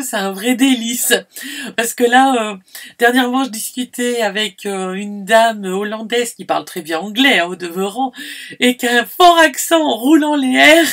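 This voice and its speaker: A fairly high-voiced middle-aged woman from France chats casually to camera from inside her camper van. She rambles along with plenty of fillers and restarts. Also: a bit bright. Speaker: vlogger.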